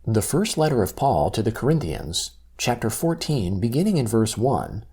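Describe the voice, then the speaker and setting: Low, husky male Bible reader. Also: very animated, normal speed, warm tone. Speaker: scripture reader. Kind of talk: scripted Bible reading.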